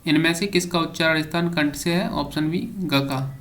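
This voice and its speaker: A man's voice: on the high side, steady tone, normal speed, a bit bright. A male teacher giving an exam prep lesson, reading each question aloud and then giving the answer with a brief explanation.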